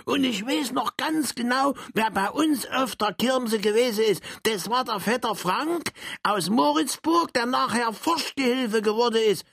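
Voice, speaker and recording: A man voicing a small, excitable middle-aged man with a Saxon dialect, shrill and eager. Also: measured pace, vocal fry, no echo, exaggerated voice. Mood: overjoyed.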